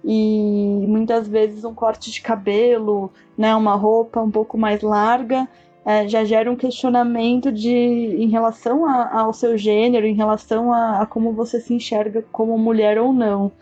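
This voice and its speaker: A woman's voice: fairly high pitch, level tone, normal speed, mellow, muffled recording, faint music behind. A woman with a Brazilian accent co-hosting a podcast chat, thoughtful and hesitant, with many restarts. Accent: Brazilian Portuguese. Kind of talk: casual chat.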